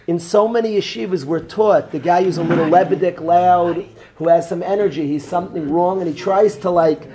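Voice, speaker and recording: Man, rabbi, animated, joking, slightly higher voice. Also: fairly quick, few pauses, background noise. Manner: animated, joking, talks straight to students by name. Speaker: rabbi teaching a yeshiva class. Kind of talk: informal Torah class talk.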